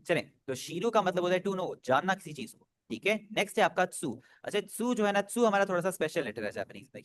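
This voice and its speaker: A man's voice: on the high side, fairly bright tone, dry recording. A man teaching an online Japanese class, patiently drilling pronunciation over a video call.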